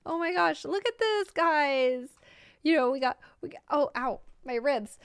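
High-voiced, gushing young woman streamer. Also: unhurried, dry recording, clean studio sound. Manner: gushing, excitable, lots of delighted exclamations. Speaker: Roblox game streamer. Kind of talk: live gameplay stream chat.

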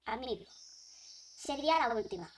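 A woman's voice: fairly high pitch, expressive, measured pace, slight background noise. A young woman, joking playfully while chatting through quiz questions. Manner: playful, jokey, laughing. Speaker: vlogger. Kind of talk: casual quiz chat.

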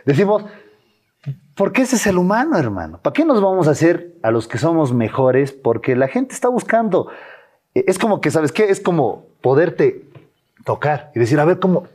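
A man's voice: fairly high pitch, moderate pace, husky. A young man chatting casually as a talk show guest, slangy and playful, acting out little quoted lines. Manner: animated, slangy, acts out quotes. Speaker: guest content creator. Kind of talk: casual chat.

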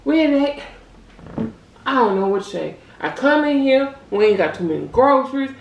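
A woman with a very high, squeaky voice co-hosting a comedy vlog, flustered and out of breath. Her pitch swoops up and down as she frets and repeats herself. The room around her is echoey. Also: animated, normal speed, gravelly, dull audio, slight background noise. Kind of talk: comic improvised chat. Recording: roomy echo.

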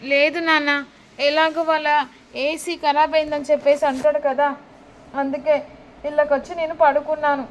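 A woman's voice: sits high, flat delivery, moderate pace, pauses often, slight background noise, close to an everyday voice, low-quality recording. A woman voicing an aggrieved young wife and mother in a retold serial, complaining and dramatic.

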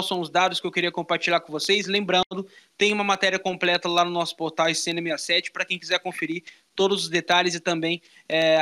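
A man's voice: high-pitched, bright, forceful tone. A young man with a Brazilian Portuguese accent giving a live news report from a small studio into a handheld microphone, conversational and informative. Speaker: radio reporter. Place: small radio studio with meeting table.

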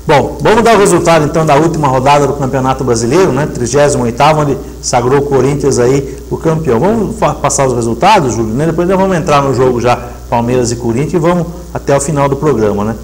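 A middle-aged man hosts a sports show from a TV studio set, chatting and steadily reading lists of match results in a medium-pitched voice. He talks fast with few pauses. Recorded on a lapel mic, the low-quality audio has a little hiss or hum.

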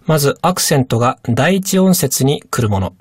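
A woman teaching a radio language course, giving calm, measured explanations and translations. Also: very deep voice, breathy edge, no echo, clean studio sound. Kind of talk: scripted lesson explanation.

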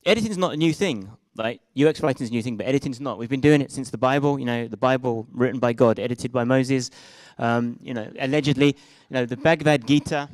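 A young man, British-accented and from Britain and Israel, presents live at a meetup with slides, using a handheld mic and a casual, hesitant delivery packed with fillers and restarts. He speaks briskly in a mid-range voice with few pauses, on a dry, rough recording.

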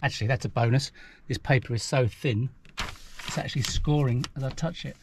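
Over a noisy background, a man with a medium-pitched voice talks a little fast while doing a how-to job in a parked car. The vlogger is recorded on an action camera mounted inside the car, and he's chatty and self-deprecating as he thinks out loud.

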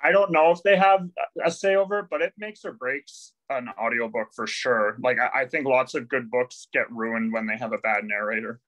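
A man's voice: mid-range voice, normal speed, few pauses, a bit bright, rough recording. A man in a casual online book discussion, rambling with many fillers and some self-deprecation. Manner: rambling, lots of likes and ums, self-deprecating. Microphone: video call.

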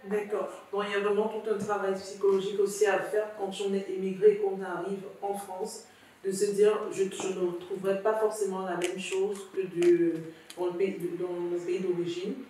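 A woman's voice: medium pitch, little pitch movement, normal speed, mellow, slight background noise. A woman from Cameroon hosting a podcast interview, reflective and relating the topic to her own experience. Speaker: podcast host. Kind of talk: conversational interview. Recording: echoey room, distant mic.

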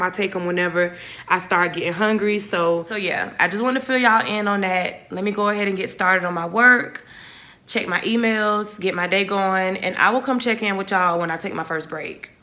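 A woman's voice: medium pitch, steady tone, a little fast, sharp tone. A young woman, chatting casually to viewers in a vlog from her phone. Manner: chatty, rambling, addresses viewers as y'all. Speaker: vlogger. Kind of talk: casual vlog chat to camera. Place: home living room, then parked car. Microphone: phone camera at arm's length.

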